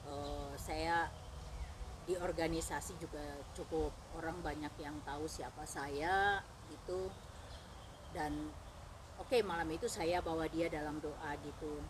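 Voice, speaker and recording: A woman's voice: sits low, slow pace, long pauses. Woman telling a faith testimony over noise. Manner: lively storyteller, acts out dialogue. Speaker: ministry speaker. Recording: noisy background.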